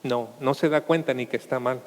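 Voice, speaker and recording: A man's voice: medium pitch, fairly even intonation, fairly quick. A man preaching a Sunday sermon as a pastor, addressing his listeners as brothers and asking them rhetorical questions. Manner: asks the congregation rhetorical questions. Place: church sanctuary. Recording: reverberant church hall.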